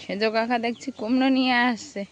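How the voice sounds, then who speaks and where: A hoarse woman vlogging her village life outdoors, chatting and asking her family questions as she goes. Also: on the high side, fairly even intonation, fast, lo-fi sound. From Bengal. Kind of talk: casual narration of daily life.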